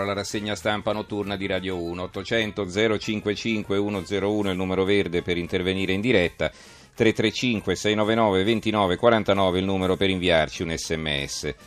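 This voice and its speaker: A man's voice: on the low side, steady tone, quick pace, faint music behind. A man hosting a live radio press review, reading out headlines and commenting on them. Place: radio studio.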